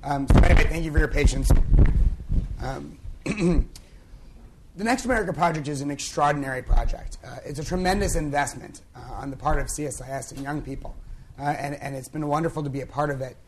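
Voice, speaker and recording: Young male moderator, hoarse with a lost voice, chatty and full of fillers, fairly high pitch, faint noise behind. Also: brisk. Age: young adult. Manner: conversational, with many fillers and restarts. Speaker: panel moderator. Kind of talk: conference panel introduction. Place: conference event on stage.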